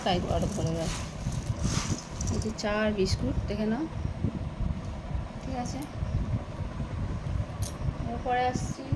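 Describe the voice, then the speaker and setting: Woman, 30s, friendly home vlogger with a fairly high voice, recorded on a phone at home over heavy background noise. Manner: chatty, addresses viewers as friends while showing things. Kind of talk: casual home vlog chat. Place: home, kitchen.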